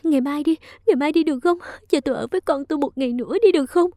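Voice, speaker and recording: A woman's voice: high voice, very fast, mellow, no room sound, clean studio sound, pitched above the performer's own voice. A woman voicing a terrified young mother-to-be, sobbing pleas. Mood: tearful pleading. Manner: tearful, desperate pleading.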